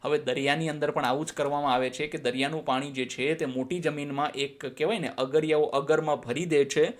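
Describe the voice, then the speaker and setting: A man. He puts questions and answers them himself, and he reads the English lines slowly and with care. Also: on the high side, fairly even intonation. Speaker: teacher. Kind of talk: explaining an English lesson in Gujarati.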